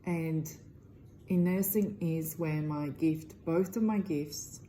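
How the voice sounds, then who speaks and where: Croatian-accented woman, low mellow voice, earnest healer talk, bit of hiss behind. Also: takes it slowly, rough recording. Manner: earnest, loosely phrased second-language English. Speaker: energy healer. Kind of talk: direct-to-camera self-promotion.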